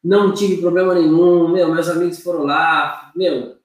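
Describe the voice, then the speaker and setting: A man's voice: on the high side, fairly even intonation, normal speed. A young Brazilian man with a Brazilian Portuguese accent, telling a story as a guest in casual chat, chatty and repeating words with slangy fillers. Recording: echoey room, far from the mic.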